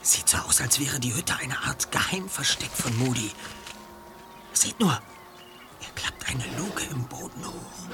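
A man's voice: a little high, animated, moderate pace, pauses often, over music. A man acting a self-assured young detective leader in an audio drama, articulate and commanding. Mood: hushed, deducing.

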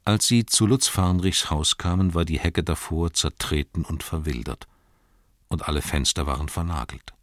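A man narrating an audiobook in a measured, expressive storytelling manner. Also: very deep voice, dry recording, clean studio sound.

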